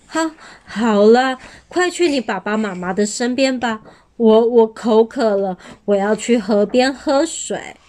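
A woman doing a weary, halting tyrannosaurus. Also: on the high side, darkish tone, natural voice. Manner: halting, slow. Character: big gruff male tyrannosaurus, softened.

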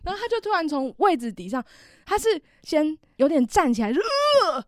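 A woman tells a story in a casual chat, animated and full of fillers and laughter. Her voice sits a little high and swings widely in pitch. The sound is dry and close, with no room echo. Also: fairly quick.

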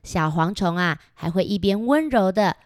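A woman reading a picture book aloud to young children, animated and asking them questions. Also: mid-range voice, normal speed, dry recording, studio quality. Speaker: storyteller.

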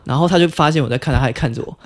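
A man's voice: on the high side, rapid-fire. A man with a Taiwanese Mandarin accent, co-hosting a podcast and telling a funny story in casual chat, laughing often. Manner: animated, laughs a lot while telling a story. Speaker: podcast co-host.

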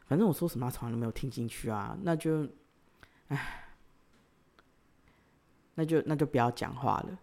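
A woman's voice: a bass voice, normal speed, long pauses. Emotional woman telling a story. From Taiwan. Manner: emotional, swinging between loud outbursts and quiet sighs. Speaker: podcast host. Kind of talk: personal storytelling monologue.

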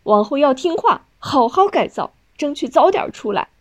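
A woman's voice: sits high, very animated, moderate pace, no echo, voice pushed up. A woman voicing an earnest uncle who urges his nephew to behave. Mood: admonishing. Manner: urgent, admonishing. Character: earnest elderly uncle, stern but kind.

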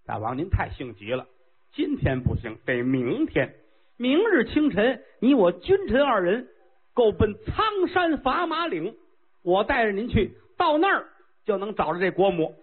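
A man voicing a sly old chancellor who speaks low, calm and drawn-out to soothe an impatient king. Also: slightly rough, heavily acted. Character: sly, unhurried old chancellor, fortune-teller. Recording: tinny lo-fi phone-like sound.

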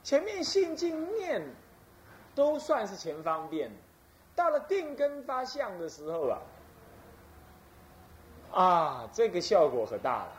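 A man's voice: high voice, huge pitch swings, takes it slowly, long pauses, a little hiss or hum. A man from Taiwan, an abbot giving a folksy Buddhist sermon and demonstrating chanting.

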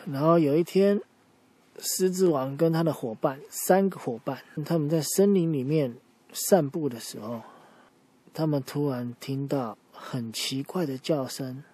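A man's voice: a little high, measured pace, dark tone, breathy edge, no echo. Patient man telling a children's story. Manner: patient, explaining, answers a child's questions.

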